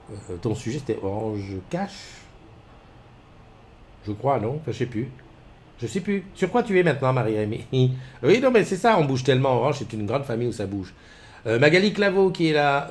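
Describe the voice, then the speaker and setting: A man's voice: medium pitch, a little hiss or hum. Man, middle-aged, live-stream host, chatty, rambling, lots of fillers, desk mic at home. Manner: chatty, rambling, many fillers, greets viewers by name. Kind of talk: casual live-stream chat. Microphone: desk mic with webcams.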